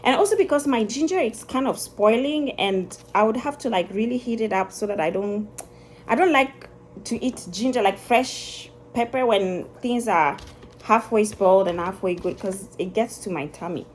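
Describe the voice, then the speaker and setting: Speaking at a medium pitch and moderate pace, this woman is recorded with poor audio and a little hiss or hum from a phone camera on the counter, shooting from below. The Ghanaian vlogger in her thirties, whose accent mixes in Italian and British touches, cooks at home while chatting, full of "like" and restarts, and playfully switches accents.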